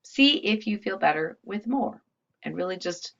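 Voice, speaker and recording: A woman's voice: medium pitch, expressive, normal speed, creaky, fairly bright tone, muffled recording. A woman leading a casual, guided energy healing session, speaking conversationally with frequent asides.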